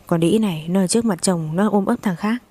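A woman's voice: mid-range voice, brisk, close to an everyday voice. A woman voicing a cursing, jealous husband. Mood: abusive. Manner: coarse, cursing, shouting. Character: jealous violent young husband.

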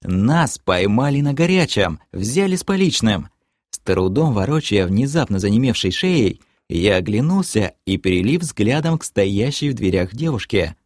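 A man narrating an audiobook with a lively, swinging pitch. His voice sits mid-range and sounds close and dry, with no room around it. He tells the story in the first person with brisk energy. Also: dry recording.

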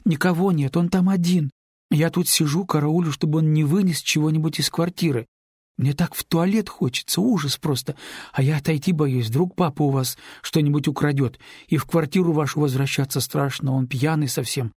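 A man's voice: on the high side, moderate pace, darkish tone, breathy edge, dry recording, clean studio sound, pitched above the performer's own voice. A man reading an audiobook, voicing a distraught, tearful teenage neighbor girl who pleads and apologizes in a rush. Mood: pleading, upset.

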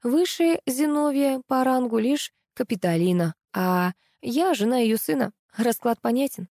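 A woman's voice: fairly high pitch, expressive, unhurried, darkish tone, no room sound, clean studio sound. A woman narrating an audiobook in a wry, ironic storytelling manner.

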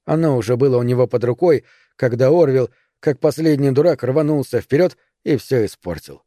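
A man narrating an audiobook in a dramatic, measured reading. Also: medium pitch, warm tone, no echo, studio quality. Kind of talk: scripted narration.

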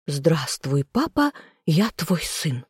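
An audiobook reader voicing a furious, spiteful noblewoman, the king's sister, who scolds in sharp outbursts. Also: sing-song, breathy edge, dry recording, studio quality, exaggerated voice. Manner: shrill, scolding, quick outbursts. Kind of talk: audiobook role reading.

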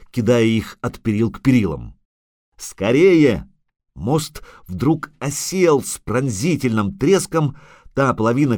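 A man narrating a fantasy audiobook in a dramatic, expressive manner. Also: medium pitch, no echo, studio quality.

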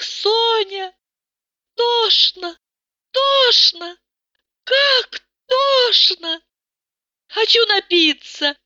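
A woman's voice: very high-pitched, bright, forceful tone, no echo, voice pushed up, full character voice. A woman voicing a bored, tearful rich young wife who whines and sighs theatrically about her empty life, in a dull, muffled audiobook recording. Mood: hysterical. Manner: plaintive, sighing, theatrical.

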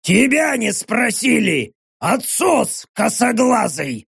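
A man's voice: sits high, very animated, takes it slowly, gravelly, husky, voice pushed up, exaggerated voice. A man voicing a hulking, rowdy male orc soldier who bellows crude insults in an audiobook.

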